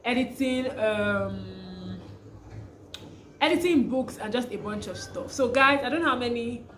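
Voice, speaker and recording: Talking a little slowly in a higher-pitched voice, this young Nigerian vlogger, who also freelances, addresses the camera in a chatty, casual way. She restarts her sentences often and laughs as she tells stories in her Nigerian accent, with background noise behind her.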